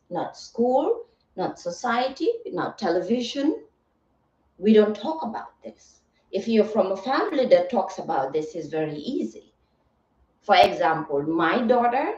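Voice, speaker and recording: Speaking in a mid-range, slightly mellow voice, a woman who creates motivational content delivers a live talk on her stream. Her manner is soothing, earnest and reflective, with frequent rhetorical check-ins like "right?" and "okay." The mic sits at a distance in an echoey room, leaving the audio a bit muffled.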